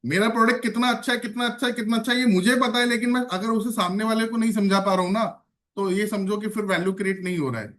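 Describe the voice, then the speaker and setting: A man's voice: sits high, fast talker. A man leading an online sales training session, repeating phrases and checking in with his trainees. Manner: energetic, repeats phrases and asks the audience questions.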